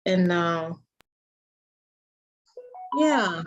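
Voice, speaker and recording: A woman's voice: on the low side, animated, very slow, lo-fi sound, soft background music. Earnest woman host, candid and open. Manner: earnest, storytelling, with sudden loud bursts.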